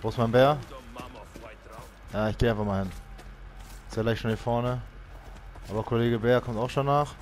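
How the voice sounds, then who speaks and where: A young man talks through his gameplay in casual, exasperated bursts, at a mid pitch. Clear game noise runs under his voice. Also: fairly even intonation, normal speed, long pauses. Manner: frustrated, exclaiming, shouts high-pitched for help in panic. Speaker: let's play gamer. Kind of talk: let's play commentary.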